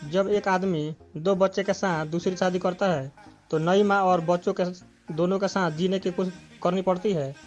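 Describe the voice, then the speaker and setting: A man with a high, light speaking voice delivers a scripted entertainment news voice-over. He reads steadily and evenly from a prepared text, and faint music plays softly underneath. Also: fairly even intonation, normal speed. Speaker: narrator.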